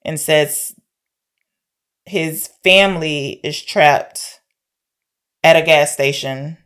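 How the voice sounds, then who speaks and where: Talking very slowly in a low-sitting voice with a fairly bright, clean tone, a woman co-hosts a podcast and works through her thoughts on films in casual conversation.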